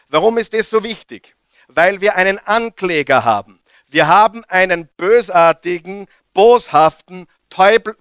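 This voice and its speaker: A man preaching a lively sermon, often asking the congregation questions. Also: high voice, clear, resonant tone, no room sound, clean studio sound. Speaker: pastor.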